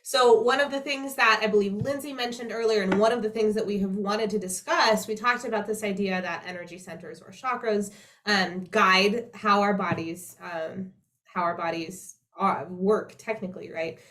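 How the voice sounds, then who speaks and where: A woman with a nasal, mid-pitched voice teaches in a conversational style. She feels her way through explanations, pausing and checking that the point has landed. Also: fairly even intonation, fairly bright tone. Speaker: voice teacher, co-presenter.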